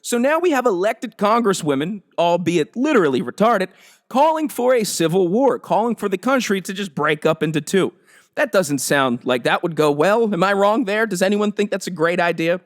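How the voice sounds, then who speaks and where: A man's voice: sits high, lively intonation, normal speed. A man hosting his own podcast, delivering a heated, profane and sarcastic comedic rant. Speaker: podcast host.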